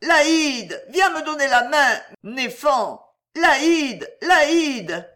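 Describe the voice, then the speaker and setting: A woman's voice: medium pitch, big pitch swings, moderate pace, fairly bright tone. A woman voicing a drunk, crying woman who calls and pleads with slurred, whining words. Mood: pleading. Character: drunk weepy woman stuck on a staircase.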